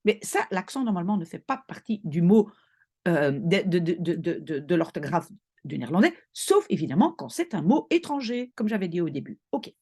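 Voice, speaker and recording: A woman teaches a language lesson in a slightly husky, breathy voice. Her pitch moves a lot as she stresses key points. She explains step by step and keeps checking that her students follow. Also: very animated, moderate pace, a little mellow. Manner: patient, checks in often with short questions. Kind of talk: explaining spelling rules in a recorded lesson.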